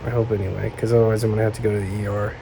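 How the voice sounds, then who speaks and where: A man giving a casual vlog update in a thick, strained swollen-throat voice, weak, in pain and halting as he struggles to talk. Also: on the low side, level tone. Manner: subdued, halting. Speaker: vlogger. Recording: clear room hum and noise.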